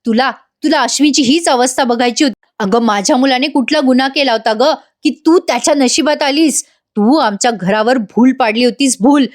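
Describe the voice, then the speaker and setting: A wounded mother and grandmother, read by a woman speaks coldly and accuses the woman before her. Her voice sits high. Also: normal speed, close to an everyday voice. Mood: accusing. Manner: cold, accusing.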